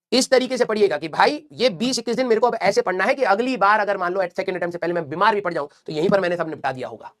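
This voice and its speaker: Male coaching teacher, rapid motivational pep talk, blunt and scolding, slangy asides. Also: sits high, a bit bright. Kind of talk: motivational talk to exam students.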